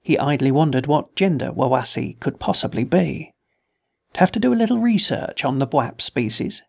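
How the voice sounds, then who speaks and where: A man hosting a podcast, reading a short story and closing notes in a steady scripted narration. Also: fairly high pitch, normal speed, creaky. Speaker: podcast host.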